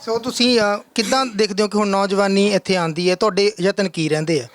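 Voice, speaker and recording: Fast, high-voiced male interviewer. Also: fairly even intonation. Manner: eager, rapid questioning. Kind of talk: news channel interview.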